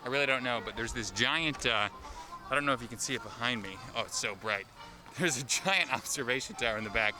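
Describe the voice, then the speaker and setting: A man's voice: medium pitch, a little fast. A man hosting a travel vlog, chatting and joking as he walks around an amusement park. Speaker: vlog host. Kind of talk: casual vlog narration. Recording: outdoor vlog with loud park music.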